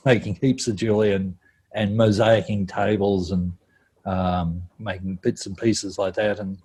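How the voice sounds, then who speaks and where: A man's voice: on the low side, warm tone, slightly rough. A man, a stage actor, chatting casually on a video call, rambling and self-deprecating with frequent laughs.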